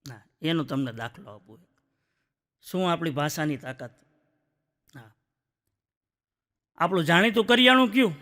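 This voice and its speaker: A man's voice: fairly high pitch, animated, sharp tone. A male stand-up comedian telling jokes to a live audience, chatting casually and acting out the people in each story with short quoted lines. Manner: chatty storyteller, acts out judges and wives in quick quotes.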